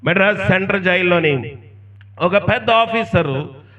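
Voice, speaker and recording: A man's voice: high voice, lively intonation, a little slow, sharp tone. A man preaching an emphatic sermon, firing off rhetorical questions and telling stories. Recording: distant, dull lo-fi sound.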